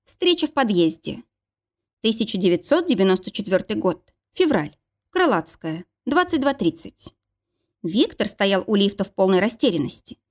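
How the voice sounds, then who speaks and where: A woman narrating a novel chapter in steady scripted storytelling. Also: medium pitch. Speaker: audiobook narrator.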